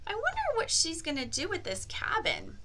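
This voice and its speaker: With a very high, pushed, bright voice that swoops wildly, a children's teacher runs an interactive lesson at a moderate pace. She is playful and over-the-top encouraging, quizzing the kids and drawing out important words as part of a read-aloud language activity.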